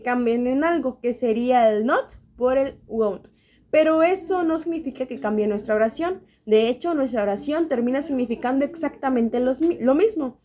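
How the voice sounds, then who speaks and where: A young woman with a high voice explains English grammar step by step. She pauses on fillers and slows down to read her examples aloud. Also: darkish tone. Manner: hesitant, many fillers and restarts, slows down to read example sentences.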